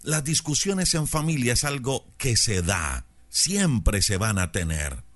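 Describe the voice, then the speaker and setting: Lively-voiced male speaking teacher. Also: medium pitch, takes it slowly. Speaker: public speaking lecturer. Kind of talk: storytelling lesson.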